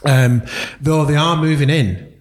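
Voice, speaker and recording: A man's voice: a little high, measured pace. A man guesting on a radio show, rambling and easily distracted, laughing often and chatting while he eats. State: talking while eating. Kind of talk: casual radio chat.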